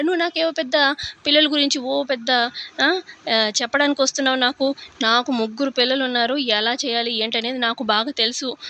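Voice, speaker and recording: A woman's voice: high-pitched, pushed and bright. A woman voicing an angry, domineering middle-aged mother-in-law who scolds and insults.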